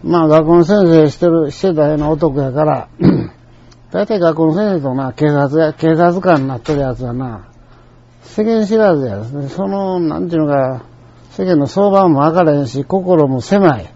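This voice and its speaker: Older Kansai man, mellow lo-fi anecdote. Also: on the high side, moderate pace. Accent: Kansai Japanese. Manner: chatty storyteller, colloquial and digressive. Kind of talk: rambling personal anecdote. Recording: dull lo-fi recording.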